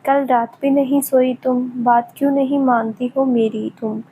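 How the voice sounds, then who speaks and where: A woman voicing a caring young male doctor who speaks softly and affectionately in an audio story. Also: high voice, level tone, measured pace, a little hiss or hum, rough recording. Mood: tender. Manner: soft, affectionate, coaxing.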